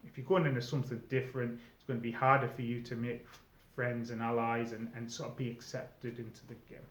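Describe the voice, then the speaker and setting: Speaking fairly quickly in a flat, medium-pitched voice with a fairly bright tone, a middle-aged man offers newcomers informal, conversational guidance. He's a former game storyteller presenting an advice video monologue, recorded in an echoey room with slightly dull sound.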